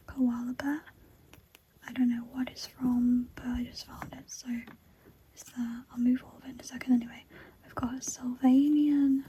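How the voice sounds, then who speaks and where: A woman whispering through a chatty, unhurried ASMR video as its creator. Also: a little high, dark tone, slight background noise, rough recording.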